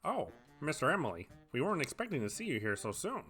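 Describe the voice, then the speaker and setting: A man voicing a laid-back, wordy cartoon dog detective in a fan animation, with a wry, even-tempered manner. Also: fairly high pitch, fast, loud music behind the voice.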